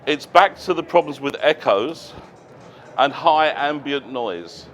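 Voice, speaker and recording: A man giving a live presentation to an audience at a trade show, explaining things plainly with casual asides and quick self-corrections. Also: on the high side, expressive, fairly bright tone. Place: noisy exhibition hall.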